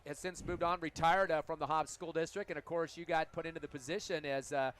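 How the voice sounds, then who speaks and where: A man's voice: on the high side, fairly even intonation, fast, a bit bright, slight background noise. A man hosting a halftime broadcast interview from a stadium press box, chatty and folksy, joking with his guest. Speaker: radio sports broadcaster.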